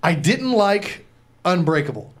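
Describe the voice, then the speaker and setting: A man's voice: sits high, very animated, measured pace. A man hosting a livestream with casual, joking, profane banter. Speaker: show host.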